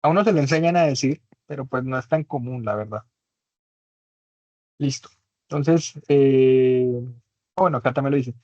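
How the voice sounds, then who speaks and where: A man's voice: medium pitch, normal speed, pauses often, warm tone, no room sound, lo-fi sound. A man teaching an English class in Spanish, his first language, patiently explaining and checking understanding with tag questions. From Latin America.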